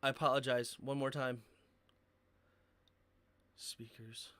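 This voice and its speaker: A man hosting a live sports stream, giving play-by-play commentary that bursts into shouting on big plays. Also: mid-range voice, level tone, takes it slowly. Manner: erupts into shouting on big plays, frustrated muttering over tech trouble.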